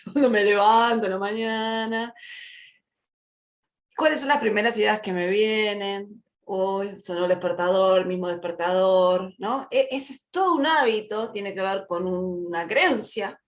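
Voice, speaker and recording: A woman, teaching a live online workshop in a chatty way, checking in with her listeners and acting out small scenes. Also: mid-range voice. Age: 50s. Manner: conversational, asks "¿sí?" often, acts out little quoted scenes.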